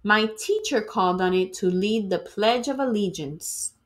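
A woman reads a children's storybook aloud with expressive drama, like a teacher performing for her students. Her pitch is medium and her pace measured.

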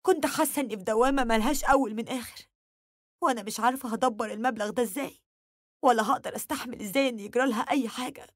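A woman's voice: a little high, very fast, no room sound, clean studio sound. A woman with an Egyptian accent telling a dramatic first-person story in an emotional, confessional way.

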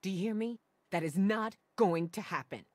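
A woman's voice: medium pitch, moderate pace, darkish tone, dry recording, natural voice. An actress playing a tough, worried woman survivor in a video game, curt and insistent. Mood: defiant.

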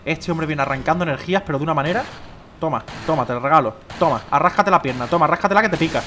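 Fast-talking young Spanish gamer. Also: male voice, on the high side, slight background noise. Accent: Spain Spanish. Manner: slangy, rambling, chatty, quick swings between excitement and muttering. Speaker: gameplay streamer. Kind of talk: casual gameplay commentary.

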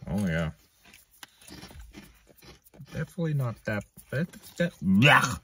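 A man's voice: medium pitch, sing-song, slow, fairly bright tone, slightly rough. A man in his thirties casually co-hosting a snack review in a parked car, crude and joking, crunching chips between remarks. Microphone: camera on dashboard, a little away. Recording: slightly distant, faint noise, bag crinkling.

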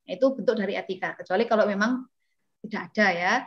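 A woman's voice: medium pitch, steady tone, fast, highs cut off. A woman giving an online class on hosting events, talking casually with many fillers and questions to her students. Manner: conversational teaching with many fillers and rhetorical questions. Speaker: MC skills trainer. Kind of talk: online webinar lesson. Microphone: video call.

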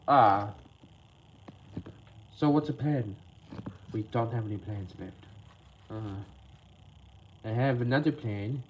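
Guy doing all the voices for his toy animation, slow and stumbly, mid pitch. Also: warm tone, slight background noise, poor audio. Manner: halting, rambling delivery with word slips. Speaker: creator voicing all characters of a toy animation. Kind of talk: homemade toy stop-motion voice acting.

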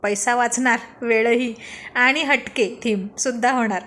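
A woman's voice: on the high side, steady tone, a little slow, fairly bright tone. A woman voicing a cheeky young man full of silly ideas in a storybook reading.

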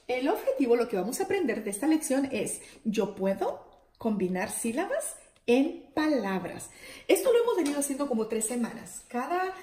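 High, lively woman teaching phonics slowly. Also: echoey room. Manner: sounds out syllables slowly and with emphasis; warm, encouraging praise to children. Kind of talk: slow phonics lesson for young children.

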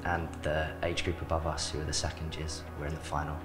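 The voice is a bass, completely flat and fast. It belongs to a late-teen academy footballer from south London with a South London accent, who gives short, plain interview answers filled with "like." He holds a handheld mic in an indoor club media studio while background music plays.

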